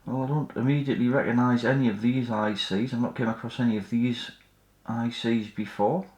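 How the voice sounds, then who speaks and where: Here an electronics repair host works at his bench indoors, offering loose, tentative commentary as he goes, and the room sounds roomy and echoey. His medium-pitched voice is a little mellow, fairly even in intonation, and slightly quick.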